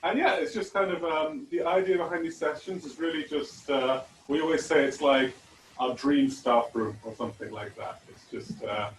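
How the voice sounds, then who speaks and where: A man's voice: fairly high pitch, normal speed, far from the mic, a little hiss or hum. Rambling man on a roomy video call. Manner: rambling, many fillers and restarts. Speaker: co-host of a teachers' online meetup. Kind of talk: casual chat.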